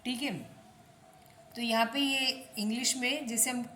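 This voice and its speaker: A woman from India, teaching English phrases slowly and patiently, repeating each phrase and quizzing the listener with questions. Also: on the high side, fairly even intonation, bright, forceful tone, slight background noise. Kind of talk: slow classroom-style explanation.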